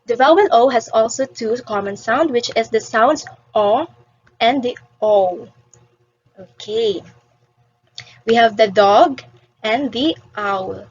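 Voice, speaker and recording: A woman's voice: fairly high pitch, slow pace, long pauses, husky, muffled recording. A woman teaching an English vowel lesson to beginners, patiently repeating each word for the class to copy.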